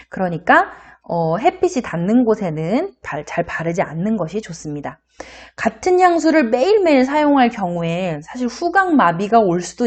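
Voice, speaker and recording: Lively-voiced woman lecturing students. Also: medium pitch. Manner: chatty, addresses students directly with questions. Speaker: university lecturer. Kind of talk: recorded online lecture.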